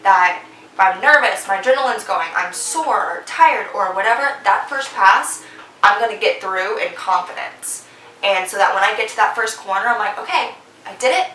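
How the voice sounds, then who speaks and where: A woman's voice: mid-range voice, normal speed, bright, forceful tone, distant mic, slight background noise. A young woman vlogger giving casual, encouraging competition advice, chatty with lots of fillers. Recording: echoey room, voice a bit off-mic.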